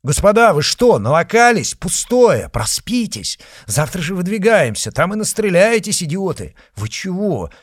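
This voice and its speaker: Man voicing an alarmed officer, loud, high-pitched, exasperated, audiobook. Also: wildly swooping pitch, a little slow, hardly any pauses, husky, dry recording, clean studio sound, exaggerated voice. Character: alarmed male officer scolding drunk comrades.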